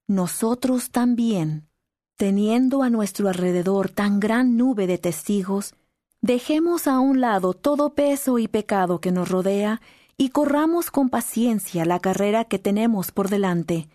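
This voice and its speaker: A woman narrates in a calm, measured reading voice. Her tone is mellow and dark, recorded dry on a close studio mic with no room sound. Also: mid-range voice, dry recording. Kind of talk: scripted narration.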